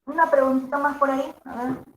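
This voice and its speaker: A woman's voice: high-pitched, level tone, brisk, a little hiss or hum. A woman teacher with a mezzo-soprano voice gives a classroom lecture, checking in with her students after each point. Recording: echoey room.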